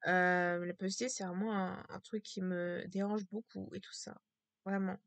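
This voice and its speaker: A woman talking to camera in a casual vlog with a low, strained voice, hesitant and repetitive, full of fillers and restarts. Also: little pitch movement, moderate pace, no echo. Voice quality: low, gravelly voice.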